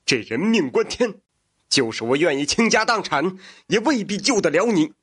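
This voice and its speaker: A man's voice: high-pitched, animated, normal speed, fairly bright tone, breathy edge, exaggerated voice. A man voicing a wealthy middle-aged father in a folk tale, scolding and sighing at his son. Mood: alarmed.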